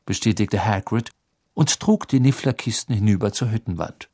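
A man reading a storybook aloud as narrator, in an expressive, even voice. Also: on the low side, moderate pace, slightly rough, no room sound, studio quality. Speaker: audiobook narrator.

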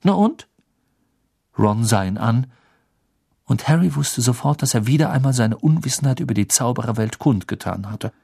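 A man reading a fantasy novel aloud as narrator, with expressive storytelling. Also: medium pitch, moderate pace, creaky, breathy edge, no echo, studio quality. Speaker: audiobook narrator. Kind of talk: scripted narration.

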